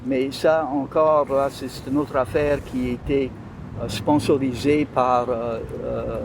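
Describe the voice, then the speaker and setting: A man speaks with a Louisiana French accent in a conversational interview. He is hesitant, often searching for the right word, at an ordinary pitch. There is clear outdoor urban noise behind him. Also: steady tone, unhurried. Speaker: interview guest.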